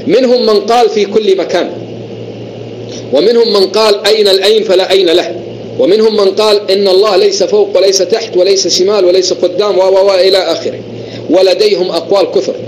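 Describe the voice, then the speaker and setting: Guy debating online, fast and kinda high, lists point after point, faint noise behind. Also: fairly even intonation, poor audio. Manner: argumentative, stacks points in long rhetorical lists. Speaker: debater in an online voice chat room. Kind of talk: heated religious debate.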